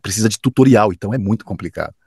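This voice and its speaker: A man's voice: lowish voice, very fast, vocal fry, darkish tone, husky, no room sound, clean studio sound. A man with a Brazilian accent, a professional announcer, answering interview questions with enthusiasm and emphasis, often restarting his sentences. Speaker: professional announcer and radio director.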